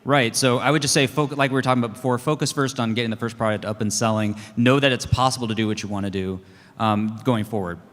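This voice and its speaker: Fast-talking male panelist. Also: medium pitch, a bit bright. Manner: agreeable, adds to others' points. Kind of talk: advising at a seller conference. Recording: reverberant conference hall.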